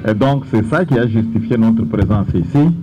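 A man preaching outdoors in short phrases, pausing for his interpreter. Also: fairly low pitch, mellow, lo-fi sound, slight background noise. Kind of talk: sermon with interpreter. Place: outdoor tent.

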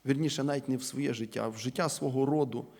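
A man from Ukraine preaching a sermon in a church. He addresses the listeners as brothers and sisters, asks them rhetorical questions, and stresses key words loudly before letting his sentences fall away quietly. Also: medium pitch, steady tone, quick pace. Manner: emphatic, rhetorical questions, swings between loud stresses and quiet falling endings.

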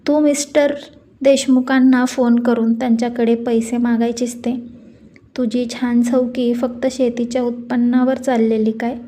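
A woman voicing a calm but defiant young woman standing up for herself. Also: a little high, natural voice. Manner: firm, steady.

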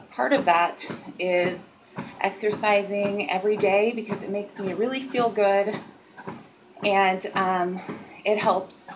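A woman in her thirties rambling casually to camera at home while she walks on a treadmill. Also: medium pitch. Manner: chatty, talking while walking on a treadmill. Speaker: vlogger. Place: small dim room at home, indoors. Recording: steady treadmill noise and clicks. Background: loud treadmill motor and footfalls.

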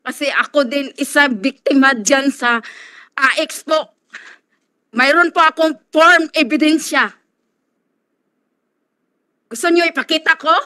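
A tearful woman testifying at a hearing as a complainant, halting and apologetic. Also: high voice, bright, forceful tone. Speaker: complainant witness. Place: hearing room.

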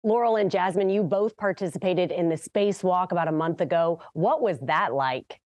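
A woman's voice: fairly low pitch, moderate pace, a little mellow, dry recording. An American woman presenting and interviewing in a morning television news style.

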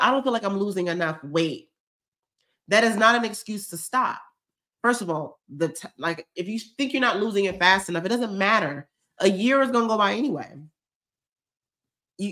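This woman's voice is mid-range, bright and forceful. She's a vlogger hosting a live stream, reading viewers' comments and chatting with them casually and emotionally while teary.

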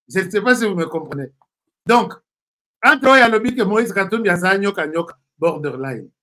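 A man with a Congolese accent giving casual political commentary, pausing often with fillers and restarting his sentences. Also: high voice, bright, forceful tone. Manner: hesitant, many fillers and restarts.

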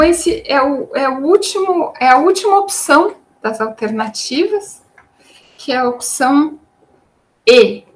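A woman's voice: fairly high pitch, a little hiss or hum, rough recording. A woman with a Brazilian Portuguese accent giving an online creative writing lesson, explaining patiently and repeating her points with frequent "né?". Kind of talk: online lecture with screen sharing.

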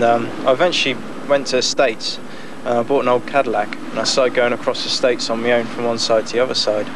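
A young man talks easily about his own project, relaxed and a little cheeky, laughing between thoughts. He is recorded outdoors on a boat deck, and the 1990s news tape carries a clear layer of wind and water noise. His pitch sits mid-range for a man. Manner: relaxed, chatty, laughs often, many fillers. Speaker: amateur boat builder. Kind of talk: casual interview.

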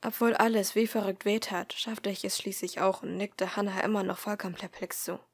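A woman reading a fan fiction audiobook in a soft, often half-whispered narration. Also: mid-range voice, steady tone, brisk. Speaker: audiobook reader.

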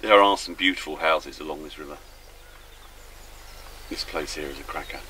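Deep-voiced older man vlogging outdoors. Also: moderate pace, slightly rough, rough recording. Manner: relaxed, chatty, thinking aloud to camera. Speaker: solo small-boat voyager. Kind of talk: casual travel vlog commentary. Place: outdoors on a small boat on a misty river. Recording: outdoor birdsong and river ambience.

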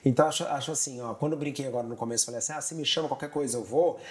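A man in his forties chats as a guest, spilling out stories at a breakneck clip. His phrases run together as he jumps from one anecdote to the next. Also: mid-range voice. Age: 40s. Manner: animated storyteller, rapid run-on phrasing. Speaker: guest, television director. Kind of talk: casual conversation.

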